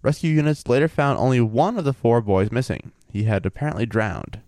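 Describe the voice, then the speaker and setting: Relaxed man telling a story. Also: medium pitch, brisk, no room sound, clean studio sound. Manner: relaxed, thinks aloud with fillers. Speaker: podcast co-host telling a story. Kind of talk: casual storytelling.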